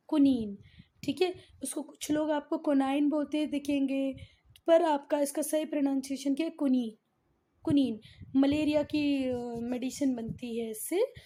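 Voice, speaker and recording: Her voice sits high and dark as this woman teacher leads a geography lesson in Hindi mixed with English. She repeats important words and quizzes her pupils with affection.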